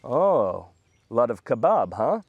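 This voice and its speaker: A man's voice: medium pitch, sing-song, measured pace, no room sound, phone-quality sound. A man voicing an adult male bathhouse attendant who teases him in a playful, smirking way. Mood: teasing.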